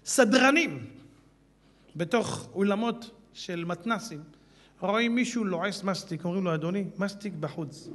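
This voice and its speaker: A man, a rabbi, preaching a fiery sermon to a hall audience, swinging from low mutters to shouting and mixing Talmudic Aramaic with street slang. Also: animated. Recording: long hall reverb.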